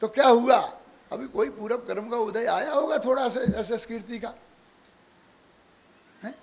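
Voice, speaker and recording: An older man giving a religious discourse, animated, full of rhetorical questions and chuckling asides. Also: very high-pitched, a little slow, creaky. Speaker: preacher.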